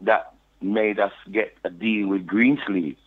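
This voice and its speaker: A man's voice: on the low side, fairly even intonation, slow, breathy edge. A man from the UK speaking with a Jamaican patois accent, telling his story casually in an interview and often saying "you know". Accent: Jamaican patois, London. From United Kingdom. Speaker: podcast guest, reggae deejay. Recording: tinny phone line.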